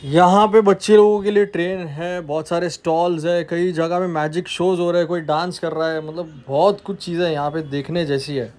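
एक युवा पुरुष ट्रैवल व्लॉगर, बाहर पर्यटन पार्क में कैमरे से बोलते हुए, उत्साह से बातें करता है और हिंदी में अंग्रेज़ी शब्द मिलाता है।. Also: male voice, on the high side, normal speed, few pauses. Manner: chatty, excited, mixes English into Hindi. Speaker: travel vlogger. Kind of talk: casual travel vlog.

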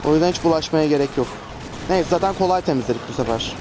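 A man's voice: fairly high pitch, animated, quick pace. A man giving casual, chatty gameplay commentary as a gaming host, often exasperated and cursing at enemies. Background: traffic noise.

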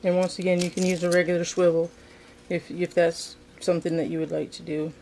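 A woman's voice: fairly low pitch, level tone, fairly quick, darkish tone, slight background noise. A woman hosting a casual how-to video, demonstrating a craft at a table indoors and thinking aloud with frequent ums and restarts. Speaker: fishing craft video host.

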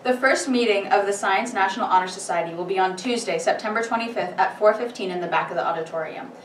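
A woman's voice: mid-range voice, quick pace. A teenage girl reading school morning announcements as a student news anchor, with small slips and restarts. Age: teens. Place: school studio room. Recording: echoey room, distant mic, faint hiss.

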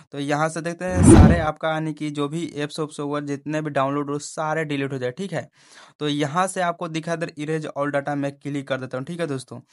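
A young man hosting a casual step-by-step phone tutorial, chatty and often checking in with viewers as friends. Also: a little high. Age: young adult. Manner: chatty, keeps addressing viewers as friends, frequent "okay?" check-ins.

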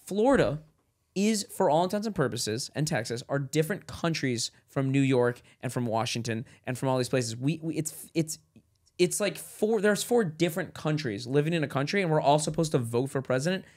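Animated ranting man, lively pitch. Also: moderate pace. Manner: animated ranting, voice jumping up when mock-outraged. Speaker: podcast co-host. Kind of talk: casual comedic podcast chat.

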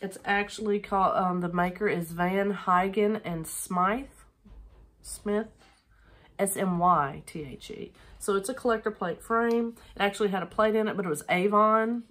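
A middle-aged woman who vlogs about online reselling chats casually at home into a camera mic. Her voice is mid-range and a bit bright, with a moderate pace, and she rambles with plenty of "um"s while showing items she has sold.

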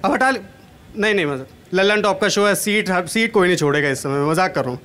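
Here a young man from Kanpur, India does stand-up on a big indoor stage, speaking into a handheld mic. His high, somewhat bright voice moves a little fast with lively intonation. His manner is talkative and self-deprecating.

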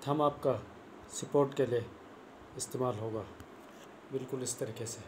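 A man's voice: mid-range voice, fairly even intonation, moderate pace, background noise. A young man, giving a plain, repetitive cricket bowling tutorial into a lapel mic in a small room. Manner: plain, repetitive, earnest instruction. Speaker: cricket coach vlogger. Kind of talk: casual spoken tutorial. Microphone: clip-on lapel mic, phone camera close.

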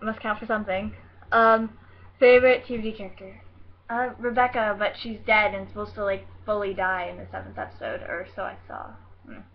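A woman's voice: fairly high pitch, lo-fi sound. A teenage girl vlogging from her bedroom into a webcam, rambling and giggly, scattered and hyper as she answers questions. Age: teens. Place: bedroom at home. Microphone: computer webcam mic.

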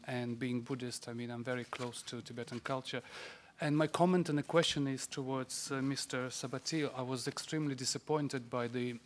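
A middle-aged man from Latvia asking a measured, critical question from the floor of a seminar, into a desk microphone in a large conference room. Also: medium pitch, a little hiss or hum. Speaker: audience member asking a question.

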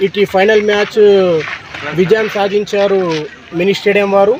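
High-voiced man speaking haltingly over outdoor noise. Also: level tone. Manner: halting, repetitive phrasing. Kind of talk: spoken statement to a news camera. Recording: dull lo-fi, noisy outdoor sound.

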